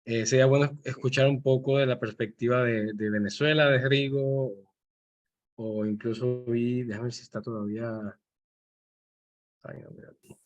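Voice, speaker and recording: A man's voice: mid-range voice, fairly even intonation, moderate pace, highs cut off. A man informally moderating a meetup, thanking the speaker and opening the floor to questions.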